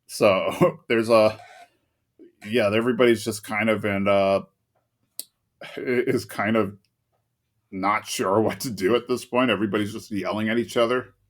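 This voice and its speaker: A man's voice: lowish voice, fairly even intonation, unhurried, pauses often. A man co-hosting a podcast, talking casually about an anime episode in an easygoing, hedging way. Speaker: podcast co-host.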